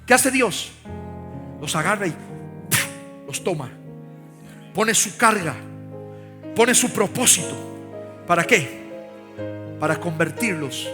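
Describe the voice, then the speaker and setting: A man preaching a live sermon in a church, fervently urging the congregation to repeat after him. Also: sits high. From Costa Rica. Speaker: pastor. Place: large church sanctuary. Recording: reverberant hall with faint music.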